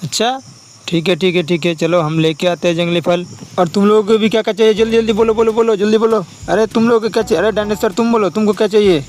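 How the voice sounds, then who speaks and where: A man hosting a kids' toy video, narrating with excitement and repeating his exclamations over and over. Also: high-pitched, fast, slight background noise. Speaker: host narrating toy play for kids. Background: background music.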